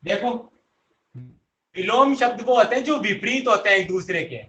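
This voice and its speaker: A young male teacher with a high, bright, expressive voice leads an online grammar class at a moderate pace. He coaxes his students, addressing them directly, and repeats his own questions before answering them himself. The sound bounces around an echoey room.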